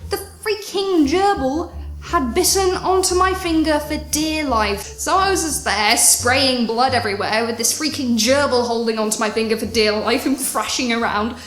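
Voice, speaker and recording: Young girl with a high voice, telling a wild party story all exasperated, roomy echo. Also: normal speed, fairly bright tone. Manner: dramatic, exasperated retelling with laughs. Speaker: vlogger. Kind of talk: animated storytelling. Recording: echoey room with faint music.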